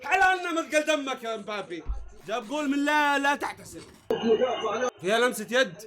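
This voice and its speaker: A man reacting live to a football match, excitable, often shouting and jeering at the play. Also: extremely high pitch, fairly quick, soft background music.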